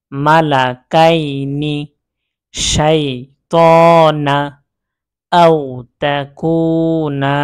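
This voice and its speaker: Man, Quran reading teacher, fairly high voice, patient, spells out letters and recites slowly. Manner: patient, checks in with the viewer often. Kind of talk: step-by-step recitation lesson.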